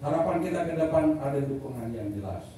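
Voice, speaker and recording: A middle-aged man leading an organization, giving a blunt, military-style rallying speech that builds to loud repeated declarations. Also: mid-range voice, lively intonation, fast. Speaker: leader of a community organization addressing members. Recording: echoey hall, mic far off, faint noise.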